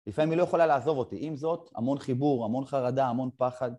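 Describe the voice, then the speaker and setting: Middle-aged guy hosting a chat, mellow dark voice, halting storytelling with pauses. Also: medium pitch. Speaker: podcast host. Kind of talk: casual conversation.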